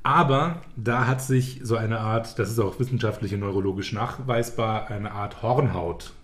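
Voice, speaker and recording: A man's voice: lowish voice, normal speed. A man in his forties in casual chat, telling stories with ironic exaggeration. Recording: roomy echo.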